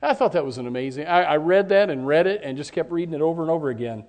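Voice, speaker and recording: A man preaching a sermon, praying and then retelling a Bible story, acting out the characters as his voice climbs and gets louder. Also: a little high, racing. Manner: animated, acts out the characters with rising voice.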